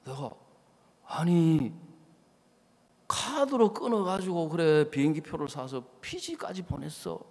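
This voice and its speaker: A man preaching as a pastor, telling a story with animated delivery and voicing the people in it. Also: fairly high pitch, slow pace, long pauses, breathy edge. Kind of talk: sermon with acted-out anecdote. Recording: church hall reverb.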